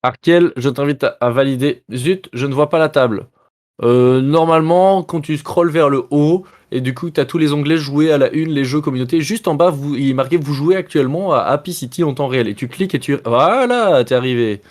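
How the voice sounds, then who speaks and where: A man's voice: fairly high pitch, brisk, darkish tone. A man hosting a live board game stream, chatting casually with viewers, joking about himself and reading card texts aloud as he plays. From Belgium. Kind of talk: casual live-stream chat while playing.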